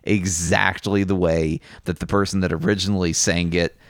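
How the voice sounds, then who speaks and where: A low-voiced man co-hosting a chat show, talking in a rambling, self-deprecating way. He restarts his sentences often. The recording is dry and close. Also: flat delivery, moderate pace, dry recording. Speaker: podcast co-host. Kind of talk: casual chat.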